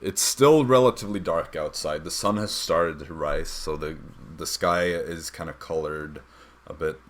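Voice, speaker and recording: A man's voice: rumbling low, a little hiss or hum. A young man narrating as dungeon master, with a hesitant manner full of fillers. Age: young adult. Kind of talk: narrating a tabletop game.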